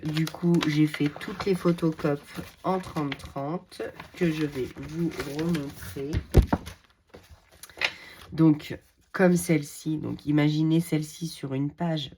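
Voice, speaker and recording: A woman's voice: sits low, vocal fry, a little mellow, slight background noise. A middle-aged woman hosting a casual crafting tutorial. She is chatty, talks to herself as she works, and uses many fillers. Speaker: craft video host.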